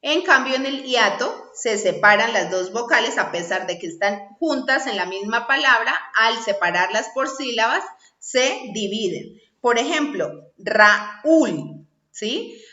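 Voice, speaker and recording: Woman instructor, methodical explainer, bright voice, slightly muffled echoey recording. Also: fairly high pitch, lively intonation. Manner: slow, explanatory, checks in with "¿sí?" and "¿listo?". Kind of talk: recorded online lesson. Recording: echoey room, slightly dull sound.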